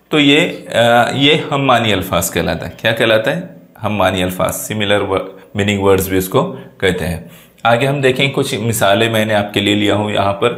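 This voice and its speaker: A male teacher, explaining a vocabulary lesson in a patient classroom manner and lifting his pitch to stress key points. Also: a bit bright, echoey room.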